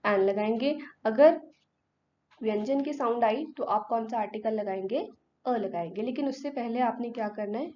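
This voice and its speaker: A woman's voice: a little high, normal speed, dull audio, a little hiss or hum. A woman teacher giving an exam-prep grammar lesson. She asks her students questions and answers them herself, mixing English words into Hindi.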